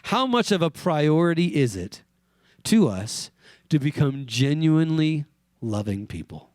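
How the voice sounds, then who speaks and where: A man from Wyoming preaching a sermon as pastor, in an earnest, conversational way, asking the congregation questions and dropping softly on key words. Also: on the high side, big pitch swings, measured pace, dry recording.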